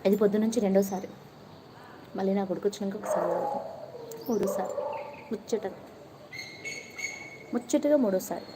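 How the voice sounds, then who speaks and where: A woman hosting a casual live stream, greeting viewers by name and reading their comments aloud with playful teasing, often softly while sipping tea. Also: medium pitch, steady tone, fast, pauses often, very noisy.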